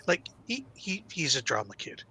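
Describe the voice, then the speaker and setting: Bright-voiced man explaining wrestling trivia. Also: fairly high pitch, wildly swooping pitch, moderate pace, slight background noise. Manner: knowledgeable, rambling with fillers. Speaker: podcast co-host explaining wrestling history. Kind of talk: casual podcast chat.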